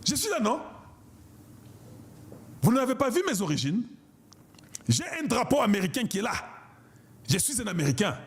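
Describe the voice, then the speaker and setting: A man's voice: high voice, big pitch swings, moderate pace, long pauses, slightly rough. A man from Congo, giving an impassioned political monologue in an emphatic, declamatory way and repeating himself for emphasis. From Congo (DRC). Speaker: online political commentator.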